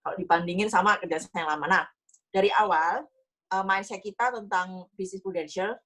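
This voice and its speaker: A woman's voice: mid-range voice, fairly even intonation, brisk, a bit bright. Young woman agent sharing her story, chatty and upbeat, tosses in english words. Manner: chatty, sprinkles English words, laughs often. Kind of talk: casual motivational sharing.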